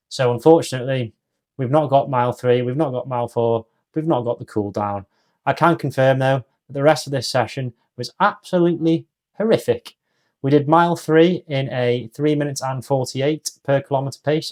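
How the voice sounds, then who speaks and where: A man with a medium-pitched voice talks casually to his viewers. He recaps in a colloquial, emphatic way, leaning on exaggeration. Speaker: vlogger.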